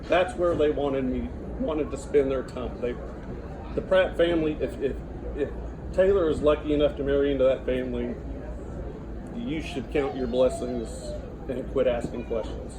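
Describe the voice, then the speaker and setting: A middle-aged man giving an informal father of the bride speech, halting and conversational, with a joking delivery. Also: medium pitch, fairly even intonation. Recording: noisy room with loud audience chatter and laughter.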